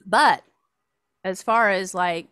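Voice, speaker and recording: A woman's voice: medium pitch, takes it slowly, fairly bright tone, smooth, dry recording, studio quality. An older woman, a writer and artist, chatting casually, laughing often and reading her own poem aloud. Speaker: writer and artist, show regular. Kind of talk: casual chat and poetry reading.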